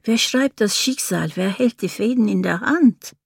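Slow, creaky-voiced woman narrating poetically. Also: mid-range voice, no room sound, clean studio sound. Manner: slow, poetic, dropping at times into a whisper. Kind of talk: literary first-person narration.

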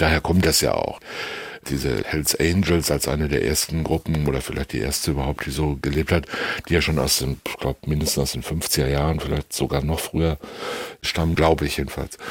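A man's voice: rumbling low, slightly rough, no echo. An older man, a retired judge, explaining a legal case in long, carefully qualified sentences in a podcast conversation. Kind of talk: measured legal analysis in conversation.

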